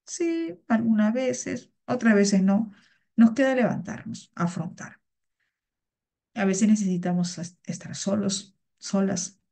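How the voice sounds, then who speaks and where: A woman's voice: mid-range voice, dark tone. A woman teaching an online class over a video call, patient and encouraging, often repeating her words.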